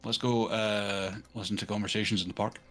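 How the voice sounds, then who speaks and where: A man's voice: lowish voice, level tone, brisk, fairly bright tone, faint music behind. Sardonic, sweary man commentating on games. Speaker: streamer. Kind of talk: casual game commentary.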